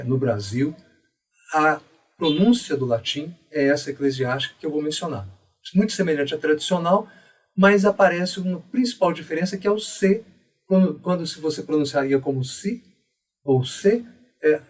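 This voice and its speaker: A Brazilian man with a Brazilian Portuguese accent giving a step-by-step video lesson, slowing down to pronounce example words carefully. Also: on the high side, slightly rough, distant mic. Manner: methodical, explains step by step and pronounces examples slowly. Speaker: educator explaining Latin pronunciation.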